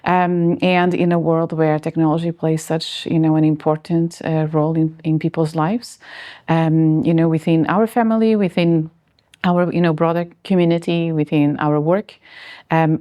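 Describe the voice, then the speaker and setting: Female interviewee from Portugal, forties, deep voice, halting delivery full of fillers. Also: fairly even intonation, dark tone. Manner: hesitant, many fillers and restarts. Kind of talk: casual interview answers.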